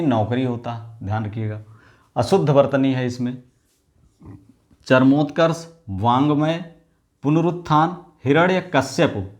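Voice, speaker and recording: Man, exam-prep teacher, mid-pitched, asks and answers himself, repeats key words. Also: a little mellow.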